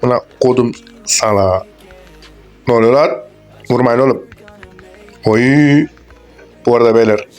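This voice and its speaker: A man's voice: medium pitch, fairly even intonation, normal speed, long pauses, a little mellow, faint music behind. A young man giving casual, crude, joking commentary over a game, rambling and swearing as he plays. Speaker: gaming YouTuber.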